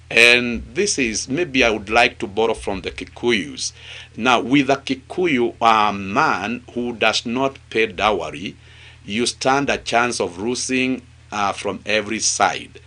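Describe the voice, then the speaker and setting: A man with a Kenyan accent preaching a teaching sermon, emphatic and repeating phrases, with halting restarts. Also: fairly low pitch, bright, forceful tone.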